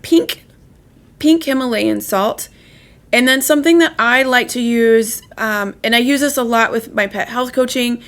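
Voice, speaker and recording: A woman's voice: fairly high pitch, gravelly, fairly bright tone. A woman, a holistic chiropractor and pet health coach hosting a show, giving casual advice in an earnest, chatty way with frequent "right?" asides.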